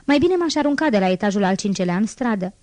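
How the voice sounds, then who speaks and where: A woman's voice: mid-range voice, animated, darkish tone, no room sound, close to an everyday voice. A woman voicing a desperate young seamstress mother. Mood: indignant. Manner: agitated, bitter. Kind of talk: audiobook character reading.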